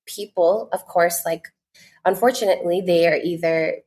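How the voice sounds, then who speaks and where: A fairly low, a little mellow voice at a moderate pace comes from a US content creator in her 20s. On the podcast she's an earnest, chatty guest, and "like" shows up all through the casual talk.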